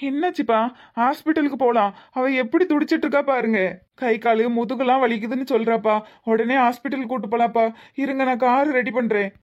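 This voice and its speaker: A woman's voice: on the high side, fairly even intonation, darkish tone, close to an everyday voice. A woman voicing an anxious young husband who fires off worried questions, in a Tirunelveli Tamil accent. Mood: worried, fussing. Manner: fretful, rapid worried questions. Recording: slightly muffled lo-fi audio.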